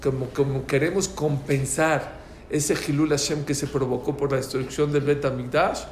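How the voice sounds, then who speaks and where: Speaking at normal speed in a higher-than-average register, this man teaches a prayer class full of stories, voicing each character with animation. The echoey room carries faint ambience and slight background noise.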